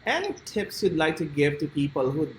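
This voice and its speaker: A man's voice: a little high, sing-song, normal speed, a little hiss or hum, rough recording. A man with a Filipino accent hosting a pageant interview, upbeat, mixing English and Tagalog. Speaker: interview host.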